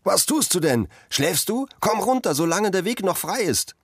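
A man doing excited boys shouting upward. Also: high-pitched, moderate pace, husky, no room sound, studio quality, voice pushed up, exaggerated voice. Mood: urging. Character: group of boys calling up a tree.

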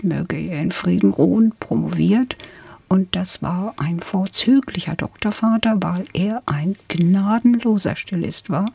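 Older woman, gravelly and husky. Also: fairly low pitch, warm tone, no room sound. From England. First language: English. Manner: reflective, measured storytelling. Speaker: guest, literary scholar. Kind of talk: radio interview conversation.

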